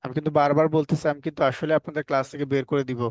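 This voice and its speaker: A man's voice: a little high, level tone, very fast, darkish tone, no room sound. A man teaching a live online English phonics class, asking the students questions over and over and scolding them firmly at times.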